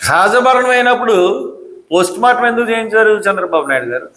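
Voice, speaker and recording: A man's voice: sits high, lively intonation, fast, bright, forceful tone. A man giving a combative political speech, scolding with repeated rhetorical questions. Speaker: political commentator. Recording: echoey hall.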